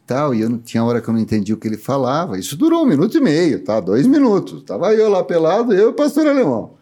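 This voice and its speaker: Brazilian man, middle-aged guest, Brazilian Portuguese accent, animated storyteller, pitch jumps around a lot. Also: quick pace. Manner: animated storyteller who laughs often. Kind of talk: casual podcast chat.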